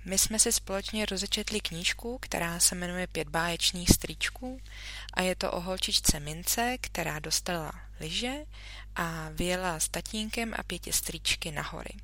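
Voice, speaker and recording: A woman teacher reading a children's book aloud to her pupils, gentle and soft-spoken, recorded from home. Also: lowish voice.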